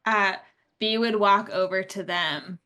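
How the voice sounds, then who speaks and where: A woman's voice: mid-range voice, slow pace, bright, forceful tone. A woman chatting casually and playfully as a player in a tabletop game, with a theatrical streak. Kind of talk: casual game table chat with in-character speech.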